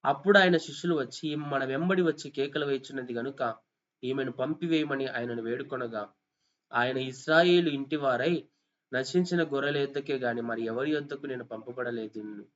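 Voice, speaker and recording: A man's voice: mid-range voice, moderate pace. A man preaching a sermon, telling a story with impassioned pleading and rising calls. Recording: dull lo-fi sound.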